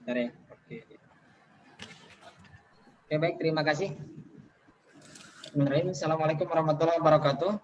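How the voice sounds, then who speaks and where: A man in his twenties from Indonesia speaks casually from home as a guest in an online business seminar, full of fillers and light self-deprecating jokes. His slightly high voice is fast with long pauses, and the video-call audio is muffled with a little hiss or hum.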